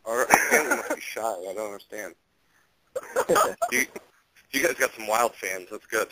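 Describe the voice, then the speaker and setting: A man's voice: on the low side, a little slow, bright, forceful tone, slight background noise, poor audio. A man chatting and joking on a casual radio show, rambling through his questions.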